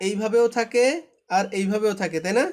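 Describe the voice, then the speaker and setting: High-pitched male tutor, drilling reading rules over an online class and checking that students follow. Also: steady tone, a little fast. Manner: patient, repetitive, often checks understanding. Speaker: Quran recitation teacher. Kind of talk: live online class instruction. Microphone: online live class.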